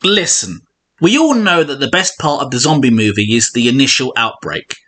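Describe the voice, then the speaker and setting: A man's voice: medium pitch, animated, moderate pace, a bit bright. A man narrating a scripted film video essay in a sardonic tone, with mock-posh asides. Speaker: YouTube film analyst.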